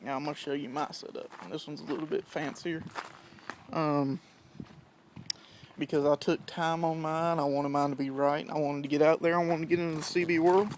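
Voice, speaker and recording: A young CB radio hobbyist gives a casual, plain-spoken, unscripted how-to walkthrough, explaining things step by step in and around parked vehicles at home. His voice is a little high and his delivery flat and a little fast. Background noise can be heard.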